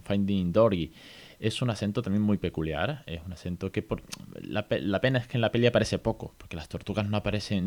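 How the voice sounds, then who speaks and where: A man's voice: sits low, a little mellow. A man hosting a casual podcast lesson, chatty and informal, laughing often. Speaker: host teaching English.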